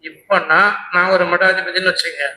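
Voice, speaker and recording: A man's voice: sits high, little pitch movement, normal speed, pushed and bright, reverberant, slight background noise, poor audio. A man giving a devotional discourse at a religious conference, telling a sacred story and breaking into rhythmic hymn recitation. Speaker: Saivite religious speaker. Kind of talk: devotional discourse with chanted hymns. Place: conference hall.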